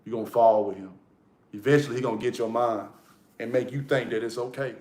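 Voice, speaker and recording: A man's voice: mid-range voice, steady tone, fairly quick, warm tone, a little hiss or hum. A man giving a casual motivational monologue, blunt and profane, repeating key lines for emphasis. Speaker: motivational vlogger. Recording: echoey room.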